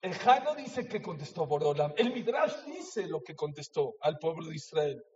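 A man giving an emotional sermon as a rabbi, swinging from soft to loud. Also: a little high, sing-song, moderate pace. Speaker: rabbi teaching a Torah class. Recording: echoey hall, dull lo-fi sound.

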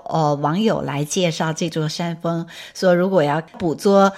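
A woman's voice: sits low, unhurried, darkish tone. A woman hosting a radio interview, engaged and responsive, adding her own remarks. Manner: engaged, frequent listening responses. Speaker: radio host.

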